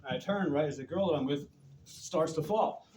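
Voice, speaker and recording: A man's voice: a little high, moderate pace. A young man doing stand-up on a club stage, telling a rambling, profane anecdote with chuckles. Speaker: stand-up comedian. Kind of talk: stand-up storytelling. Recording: roomy club with loud background noise.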